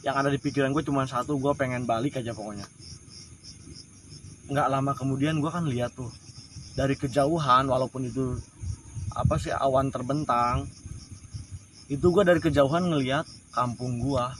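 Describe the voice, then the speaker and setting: A man's voice: mid-range voice, moderate pace, long pauses, a bit bright, a little hiss or hum. Man emotionally retelling an eerie experience. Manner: emotional, repetitive, slangy first-person telling. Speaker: storyteller. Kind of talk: casual spoken ghost-story retelling.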